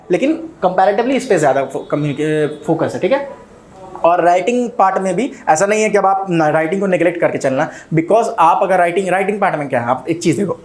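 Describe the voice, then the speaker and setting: A man's voice: sits high, a little mellow. An Indian man teaching a recorded video lesson, mixing Hindi with English and often checking in with "ठीक है?". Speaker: coaching teacher.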